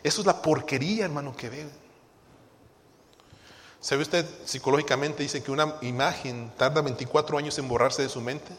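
A man's voice: mid-range voice, normal speed, a bit bright, slight background noise. A male pastor, preaching a sermon and emphatically questioning the congregation in church. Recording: long reverb of a church hall.

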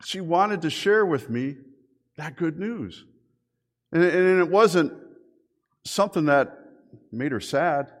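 Animated middle-aged pastor preaching. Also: male voice, a little high, slow pace, pauses often. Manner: animated storytelling with rhetorical questions. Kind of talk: sermon.

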